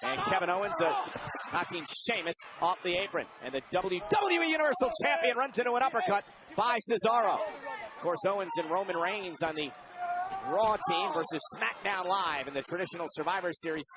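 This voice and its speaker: A man doing excited live play-by-play wrestling commentary, punching out each call of the action. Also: high voice, a little fast. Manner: emphatic, punchy calls of the action. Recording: loud crowd noise behind live broadcast. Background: roaring arena crowd.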